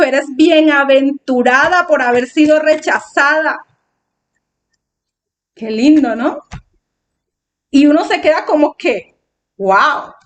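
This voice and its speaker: A woman preacher giving a sermon, telling an emotional testimony and reenacting her own tearful prayers. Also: high voice.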